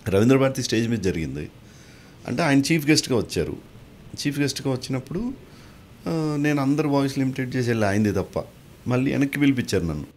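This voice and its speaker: A man who works as a mimicry artist and actor, answering interview questions in a lively way and mixing English phrases into his talk. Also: mid-range voice, fast talker, pauses often, a little hiss or hum. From a village. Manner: animated, mixes English into his speech.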